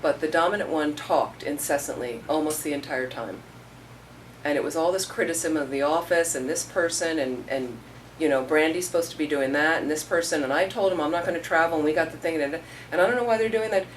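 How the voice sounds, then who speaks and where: This middle-aged Buddhist teacher speaks in a low voice and a little fast, telling stories conversationally during an informal talk and acting out what people said. A distant mic catches her along with faint room noise.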